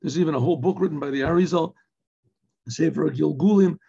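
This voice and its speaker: An older rabbi teaches a text in a Torah class, asking his own questions, answering them, and slipping in Yiddish and Hebrew phrases. His warm voice sits on the high side, with vocal fry and a slightly fast pace. He was recorded on a webcam in a room with bookshelves, and the audio is dull and lo-fi.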